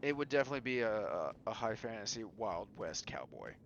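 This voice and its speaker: A man's voice: fairly quick, creaky, lo-fi sound, slight background noise. A man with a Southern accent chatting casually and swearing while playing a co-op game with a friend. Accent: American Southern. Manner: laid-back, swears, lively swings in pitch. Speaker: streamer playing co-op. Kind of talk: casual gaming chat. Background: game music.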